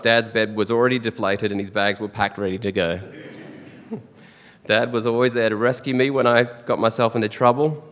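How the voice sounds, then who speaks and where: An Australian man giving a fond, earnest funeral eulogy for his father, with soft chuckles between memories. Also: mid-range voice. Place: church or funeral hall. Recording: long hall reverb.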